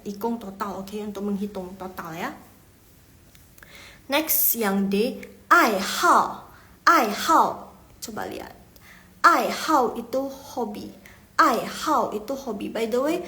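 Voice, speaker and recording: A woman's voice: mid-range voice, a bit bright. A young woman teaching a casual Mandarin lesson, patiently repeating words and quizzing her class. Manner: explains patiently, repeats words slowly, asks the class questions.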